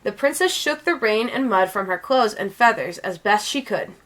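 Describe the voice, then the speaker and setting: A woman reading a children's picture book aloud as an expressive storyteller. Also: medium pitch, moderate pace. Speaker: read-aloud storyteller, teacher.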